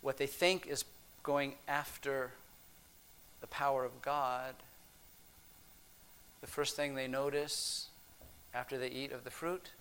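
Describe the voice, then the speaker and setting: A man preaching a sermon, swinging between hushed, drawn-out phrases and emphatic, raised passages. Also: mid-range voice, flat delivery, a little hiss or hum.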